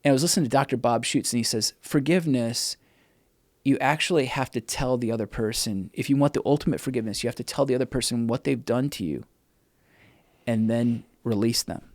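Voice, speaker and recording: A middle-aged man, an interview guest, telling his personal testimony in a candid, animated way and acting out the dialogue. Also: medium pitch, fairly quick, no echo, studio quality.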